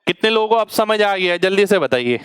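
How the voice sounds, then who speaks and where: A male maths teacher in an online coaching lecture, working through a problem step by step and checking in with his students. His voice sits high and sounds smooth and resonant. The recording is close and dry, with little room sound. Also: expressive, quick pace, a bit bright, dry recording. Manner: patient step-by-step explaining, often asks students to reply. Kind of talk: online exam-prep lecture.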